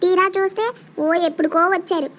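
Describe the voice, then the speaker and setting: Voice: extremely high pitch, steady tone, a little fast, a little hiss or hum. A scolding cartoon mother. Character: scolding Telugu mother, middle-aged, strict but caring. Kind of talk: animated comedy sketch.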